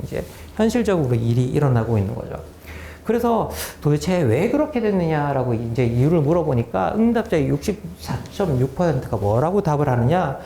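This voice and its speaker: A man's voice: on the high side, dark tone, reverberant, a little hiss or hum. A man in his fifties giving a public lecture, explaining research findings and posing questions to the audience. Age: 50s. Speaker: lecturer, political philosopher. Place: lecture room.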